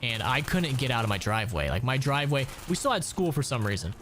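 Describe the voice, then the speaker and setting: A man's voice: mid-range voice, big pitch swings, fast, a bit bright, a little hiss or hum. A man in his late twenties from Ohio, chatting casually and profanely while gaming on a stream. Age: late 20s. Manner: rambling, profane storytelling.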